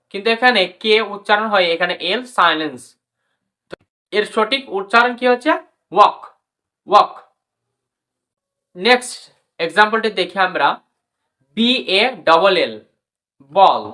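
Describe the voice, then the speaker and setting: A woman's voice: medium pitch, a bit bright. A woman teaching English pronunciation in a lesson, spelling out letters, drilling words and repeating each rule. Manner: repeats rules, addresses viewers as brother and sister. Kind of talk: classroom lesson explaining rules.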